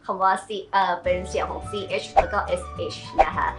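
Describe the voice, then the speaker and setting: A chatty woman from Thailand co-hosts a language lesson at a middle pitch. She restarts her sentences often as she explains. Her voice rings in a roomy space over loud background music. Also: fairly even intonation, moderate pace. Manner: chatty, with frequent polite particles and restarts. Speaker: co-host explaining pronunciation.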